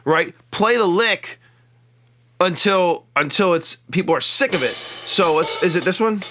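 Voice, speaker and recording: A man with a high, pushed and bright voice and lively intonation gives a casual lap steel guitar lesson at an unhurried pace, with slight background noise. He chats while playing, explaining as he goes and counting out the scale degrees of each lick over the lap steel.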